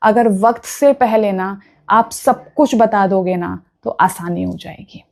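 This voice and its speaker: A woman's voice: medium pitch, takes it slowly, vocal fry. A woman vastu consultant giving earnest, instructive advice straight to her viewers, often checking that they follow. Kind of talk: direct-to-camera advice talk.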